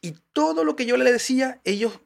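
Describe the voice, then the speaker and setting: A man hosting a podcast, relaxed and joking, with quick interjections. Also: very high-pitched, vocal fry. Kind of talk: casual podcast conversation.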